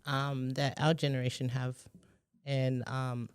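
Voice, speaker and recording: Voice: medium pitch, flat delivery, a little slow, clear, resonant tone, no echo. A podcast co-host in casual chat who talks in a thoughtful, hesitant way with many fillers. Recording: dry close recording.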